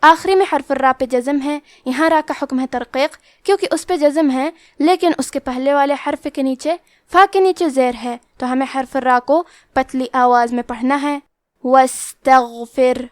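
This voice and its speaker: High clear-voiced woman teaching recitation rules, slow and methodical, dry close sound. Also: no room sound. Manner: patient, methodical, step-by-step explanation. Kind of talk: tajweed lesson, explaining pronunciation rules.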